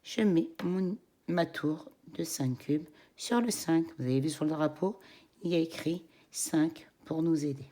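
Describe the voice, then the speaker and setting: Like a kids' show host, a woman with a low, warm voice leads young children through a counting game at a measured pace. Her teaching is encouraging, singsong and didactic.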